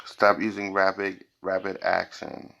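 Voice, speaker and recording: Reading tarot cards for his viewers, this psychic improvises bluntly and emphatically, repeating himself and cursing now and then. His low voice is monotone, measured, pushed and bright. The recording sounds muffled.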